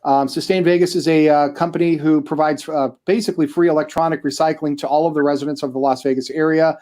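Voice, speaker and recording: A man's voice: on the high side, fairly even intonation, fast, warm tone. A man hosting a live-streamed interview show, talking casually in a chatty, rambling way with lots of fillers.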